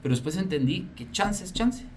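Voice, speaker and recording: A man's voice: high voice, a little fast. A man, a business owner telling stories as an interview guest. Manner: animated storyteller. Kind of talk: casual interview. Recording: faint ambient noise.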